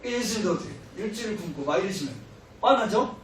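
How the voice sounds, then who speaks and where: In an echoey church hall, heard from a distance, a middle-aged man preaches as a missionary speaker. He tells funny stories and acts out quoted lines in a high, expressive, slightly bright voice, talking fast over slight background noise.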